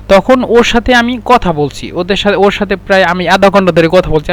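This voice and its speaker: A man teaching Arabic phrases in a casual spoken lesson, slowly explaining each one and repeating the examples. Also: sits high, fairly bright tone.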